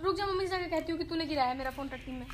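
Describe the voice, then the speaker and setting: Young woman, very high voice, teasing prank banter, faint noise behind. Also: racing. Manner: teasing, pleading.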